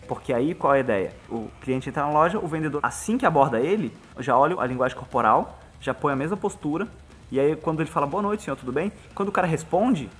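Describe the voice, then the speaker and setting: A Brazilian man, a musician guest on a podcast, talking casually and fast, acting out little bits of dialogue as he explains. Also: fairly high pitch, slight background noise. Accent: Brazilian Portuguese. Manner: fast, animated, acts out dialogue.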